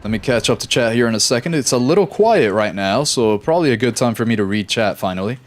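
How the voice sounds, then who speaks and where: During a casual live stream of a shooter game, a young man talks with his viewers, reading their chat messages aloud. His mid-range voice is expressive. He stays easygoing and chatty, with fast reactions whenever a fight breaks out.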